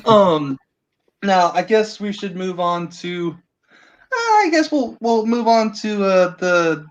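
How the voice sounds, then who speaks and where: A man in his thirties hosting a casual film discussion, haltingly rephrasing as he thinks aloud. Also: high-pitched, lively intonation. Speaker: podcast host.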